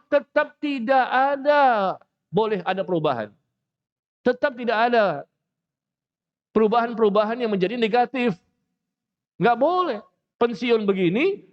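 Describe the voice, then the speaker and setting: A man giving a mosque lecture, animated and joking, acting out the people he talks about. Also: sits high, highs cut off. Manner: animated, jokes, acts out quoted speakers. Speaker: preacher.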